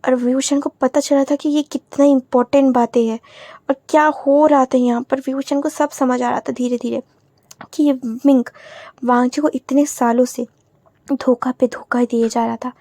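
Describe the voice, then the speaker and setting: Woman storyteller, high voice, mellow tone, halting delivery. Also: fairly even intonation, no echo. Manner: halting, with restarts. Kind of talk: reading her own fan story.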